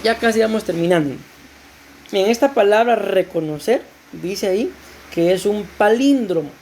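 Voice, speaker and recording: A woman's voice: medium pitch, normal speed, dark tone, slight background noise. A woman pastor with a Costa Rican accent preaching to a women's group, explaining scripture and asking rhetorical questions. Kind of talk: sermon.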